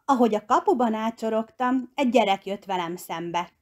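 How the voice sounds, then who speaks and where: A woman reading a children's story aloud, lifting her voice on key words. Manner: expressive, pitch leaping on key words. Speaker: audiobook reader. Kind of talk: storybook narration.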